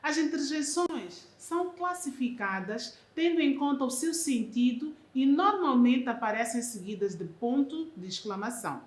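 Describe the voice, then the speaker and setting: A woman reads a recorded lesson as a teacher, in a slow, careful classroom delivery. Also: sits high, lively intonation, reverberant.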